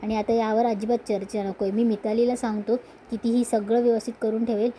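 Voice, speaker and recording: A woman's voice: a little high, little pitch movement, brisk, slight background noise, natural voice. Woman voicing a caring, bossy young husband. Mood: firm, caring. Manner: insistent, gently commanding.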